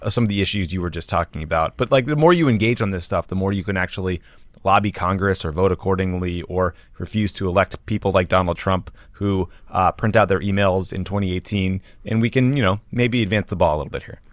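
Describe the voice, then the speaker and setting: Deep-voiced man hosting a podcast. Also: fast, no echo. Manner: relaxed, chatty sign-off. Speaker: podcast host. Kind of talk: casual podcast interview.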